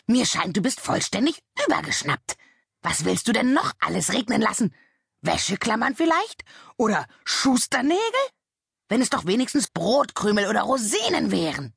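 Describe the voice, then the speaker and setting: A woman voicing a wise, reproachful male talking raven in a children's audiobook, with a croaking, shrill delivery. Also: sing-song, moderate pace, no room sound, clean studio sound, exaggerated voice. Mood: shrieking. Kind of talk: audiobook character voice.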